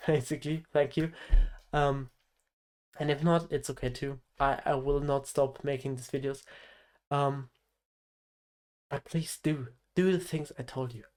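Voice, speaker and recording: Earnest teenage man giving advice. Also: on the high side. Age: teens. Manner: earnest, direct advice to the viewer. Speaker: health coach. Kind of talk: motivational vlog monologue.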